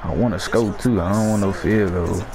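A man's voice: low voice, normal speed, a crowd in the background. A young man hosting a gaming channel, commentating his own football match with slangy, profane trash talk and repeated hype phrases. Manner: hyped trash talk, laughing, repeating himself. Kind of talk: live gameplay commentary.

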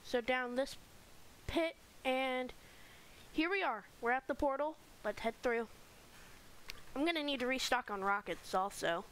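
Female gaming host, high voice, chatty let's-play commentary, home mic with light hiss. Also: unhurried, a bit bright, poor audio. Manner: chatty, rambling tour-guide narration with fillers.

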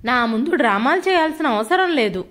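A woman's voice: high-pitched, lively intonation, brisk, fairly bright tone. Woman doing a scornful angry young son. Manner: harsh, scornful. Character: arrogant, angry young office-worker son.

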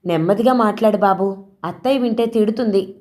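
A woman voicing an anxious, hurried elder sister in a storybook reading. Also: medium pitch, a little mellow, natural voice. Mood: fretful. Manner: fretful, hurried.

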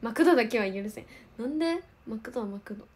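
A woman's voice: a little high, animated, fast talker. A woman in her twenties from Osaka with a light Kansai accent, chatting casually while answering viewer comments on a livestream. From Osaka, Japan. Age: 20s. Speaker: idol livestream host.

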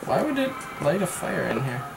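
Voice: mid-range voice, very animated, normal speed, creaky, over music, rough recording. A gamer commenting on a horror game, teasing a co-player and laughing and exclaiming a lot. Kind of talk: horror let's play commentary.

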